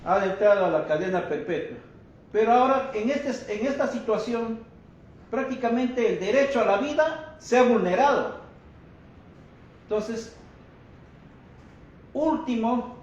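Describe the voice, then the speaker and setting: A man with a high voice delivers a slow, deliberate press conference statement, denouncing and calling his listeners brothers. The sound is very echoey and dull, with faint noise behind him. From Peru. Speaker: activist speaking at a press conference.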